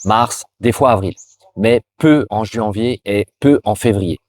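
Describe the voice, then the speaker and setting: A man from France, his voice on the low side and a little mellow, shares informal career advice at a measured pace, speaking directly to the viewer. He often restarts and repeats himself, and slight background noise can be heard.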